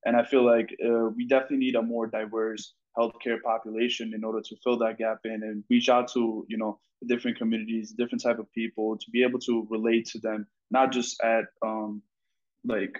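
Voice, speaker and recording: A man's voice: fairly low pitch, level tone, fairly quick, darkish tone, dull audio. A man, a medical student, answering an interview question earnestly.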